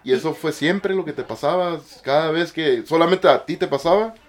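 A man's voice: a little high, moderate pace. A man, interviewing a guest and asking many follow-up questions. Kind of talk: conversational interview.

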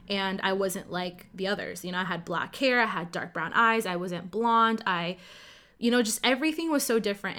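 Casual personal storytelling from a candid woman in Ottawa, Canada, a native Cantonese speaker who talks conversationally and says "like" often. Her pitch is medium and her tone fairly bright.

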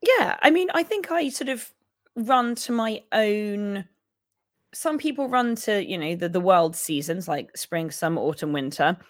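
A young woman co-hosting a podcast, with a croaky, husky voice, chatting and laughing as she rambles. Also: medium pitch, expressive, measured pace, dry recording, studio quality. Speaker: podcast co-host. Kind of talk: casual podcast chat.

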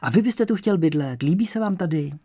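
Here the male reader goes high-pitched and expressive, well above his own natural voice, to portray a small, talkative old landlady of roughly seventy. This audiobook character talks fussily and cautiously, then becomes eager and warm.

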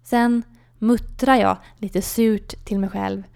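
Gravelly-voiced woman coach telling a story. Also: medium pitch. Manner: calm, storytelling delivery with soft whispered asides. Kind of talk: personal anecdote and explanation.

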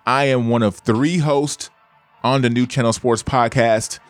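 A man hosting a casual sports talk show in an energetic, emphatic manner. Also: mid-range voice, unhurried, faint music behind. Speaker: sports podcast host.

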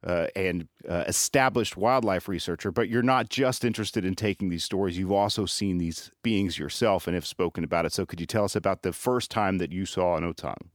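A man hosting an interview, asking articulate, measured questions. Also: low-pitched, dry recording, studio quality. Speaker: interview host.

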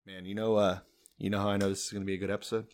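A man's voice: fairly low pitch, flat delivery, racing, a little mellow. A man chatting casually as a comedy podcast co-host, teasing and swearing freely. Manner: profane, teasing.

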